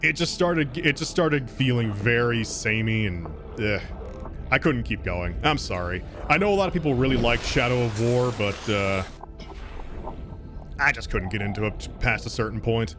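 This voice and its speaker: Over music, a man with an animated mid-range voice chats casually at a moderate pace while streaming a game. He reads donations aloud and thanks donors. His talk rambles, full of fillers and restarts, and he laughs frequently.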